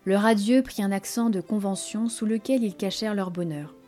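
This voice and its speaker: A woman narrating a classic French novel in a measured, expressive literary reading. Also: mid-range voice, faint music behind. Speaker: audiobook narrator.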